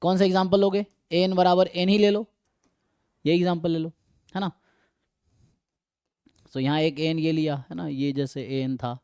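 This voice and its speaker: A man's voice: a little high, flat delivery, measured pace, long pauses, a little mellow, smooth, no echo, studio quality. A man with an Indian accent teaching a live online math lecture, explaining step by step and quizzing his students.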